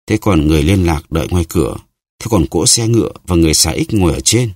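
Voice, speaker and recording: A man's voice: low voice, lively intonation, fast talker, darkish tone, no echo, studio quality. A man voicing a jealous middle-aged lawyer's wife who pleads and reproaches in a raised voice. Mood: suspicious.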